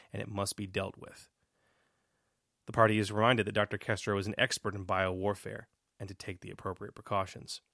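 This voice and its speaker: A man acting as game master, reading out a mission briefing with emphatic jumps in pitch at the start of phrases, then introducing the players. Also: fairly bright tone, no room sound, studio quality. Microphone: voice call setup.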